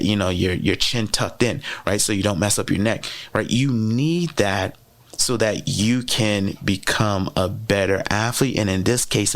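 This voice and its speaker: A man with a fairly low, slightly bright voice hosts a podcast, giving a motivational teaching talk. French is his first language; he's chatty, repeats key phrases, and often checks in with "right?"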